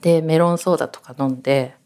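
A woman hosting a radio show, telling rambling stories in a chatty, animated way. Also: low-pitched, fast. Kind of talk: casual radio chat.

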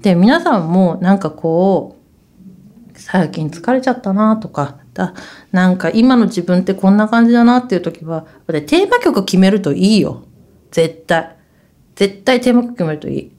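A woman talks casually as the host of a radio segment, her voice at an ordinary middle pitch. She rambles from one thought to the next and refers to herself by her own nickname. She now and then turns aside to her co-host to check a detail. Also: expressive, normal speed, dark tone. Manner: asks the co-host for confirmation.

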